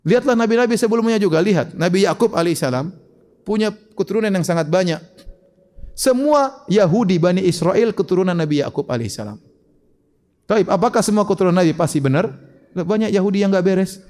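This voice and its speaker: A man's voice: high voice, expressive, fast, long reverb tail. A man giving an emphatic religious question-and-answer lecture, full of rhetorical questions. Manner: emphatic, rhetorical questions, shifting loud and soft. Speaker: Islamic preacher.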